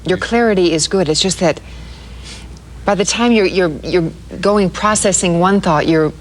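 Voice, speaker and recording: A woman's voice: lowish voice, normal speed, a little hiss or hum. A woman hosting a broadcast talk show, interviewing a guest in a casual conversational style. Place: television studio.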